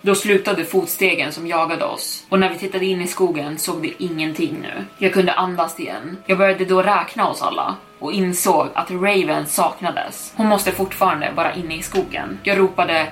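A young adult woman tells a first-person scary story in a measured, suspenseful way. Her voice sits fairly low, with quiet music underneath. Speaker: podcast storyteller. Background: faint music.

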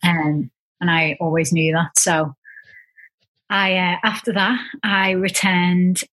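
A woman talks through her career as a podcast guest. Her voice is slightly low and husky, and she speaks in a relaxed, chatty way with plenty of fillers. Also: slow, low-quality recording. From Liverpool, England. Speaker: guest entrepreneur. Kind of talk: casual interview.

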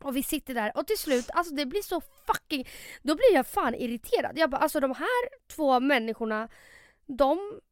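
A young woman with a high voice tells a story on her podcast, quoting people and cursing as she goes. The sound is dry and close to the mic. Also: no room sound. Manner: animated storytelling, quoting others, swearing, laughing. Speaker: podcast co-host. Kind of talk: casual storytelling chat.

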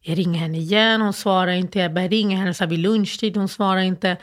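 Grieving woman guest, halting emotional storytelling, lots of false starts. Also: lowish voice, steady tone. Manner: halting, emotional, many restarts and fillers. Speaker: interview guest. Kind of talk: personal storytelling in an interview.

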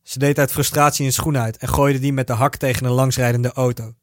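A man reading a first-person story aloud in a steady, even narrating voice. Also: mid-range voice, a little fast, no room sound, clean studio sound.

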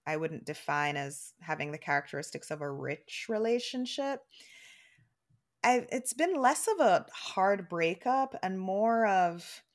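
A woman's voice: mid-range voice, animated, measured pace. A woman in her thirties co-hosting a casual podcast, talking through her thoughts with frequent restarts and easy laughter. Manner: chatty, many restarts and "like"s, laughs easily. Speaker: podcast co-host.

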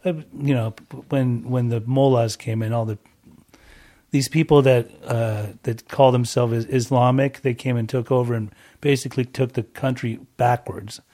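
A middle-aged man born in Germany who grew up in the States, a guest in a casual chat telling his family story in a relaxed, frank way with the odd curse. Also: medium pitch, moderate pace. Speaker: podcast guest.

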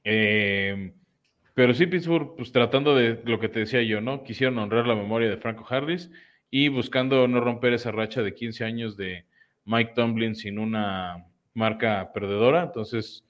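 A man's voice: mid-range voice, moderate pace. Muffled-sounding man talking football. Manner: analytical, frequent fillers. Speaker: podcast co-host. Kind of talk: casual sports talk. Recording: muffled lo-fi audio.

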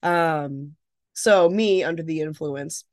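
A young adult woman co-hosting a podcast, telling an animated, casual story with some swearing. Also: deep voice, takes it slowly. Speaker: podcast co-host. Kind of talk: casual chat.

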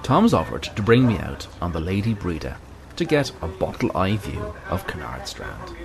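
A man's voice: deep voice, sing-song, normal speed, crowd noise, low-quality recording. A man presenting a documentary in scripted narration.

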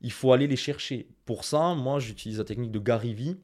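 A man with a Toulouse accent, a guest on a podcast, giving direct and lively marketing advice straight to the listeners. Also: medium pitch, a little fast. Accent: Toulouse (southern French). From Toulouse, France. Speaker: guest, Instagram marketing expert. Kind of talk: casual podcast interview.

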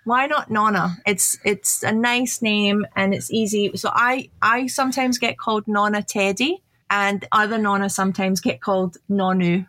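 A woman's voice: medium pitch, fairly even intonation, moderate pace, few pauses, a bit bright. A middle-aged woman from Scotland with a Scottish accent, chatting upbeat as an interview guest and laughing often. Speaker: guest, chief digital officer. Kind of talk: casual interview chat.

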